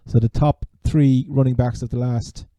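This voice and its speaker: A man with a Cork Irish accent chatting casually as a sports podcast host, halting and repeating words as he goes. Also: medium pitch, fairly even intonation, dark tone, no echo. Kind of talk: casual fantasy American football chat.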